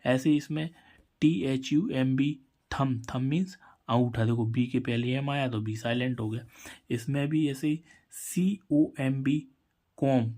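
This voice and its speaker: A man's voice: medium pitch, measured pace, warm tone. A man teaching English pronunciation, spelling words out letter by letter and answering his own questions. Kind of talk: Hindi-language English lesson.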